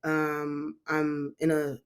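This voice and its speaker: A woman from Germany, the CEO of a company, answering podcast interview questions in a relaxed way with frequent ums. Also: deep voice, very slow, clear, resonant tone.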